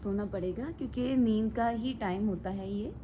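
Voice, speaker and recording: A woman's voice: medium pitch, moderate pace. A woman vlogger chatting casually, sounding unwell and tired, with a weary, pleading manner. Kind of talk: casual chat to camera and pet. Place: home, indoors. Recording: clear background noise.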